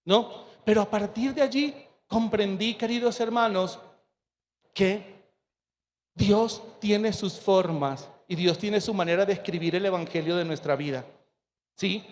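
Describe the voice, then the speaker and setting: High-voiced priest, earnest. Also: male voice. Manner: emotional, earnest storytelling with dramatic pauses. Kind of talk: personal testimony talk to an audience.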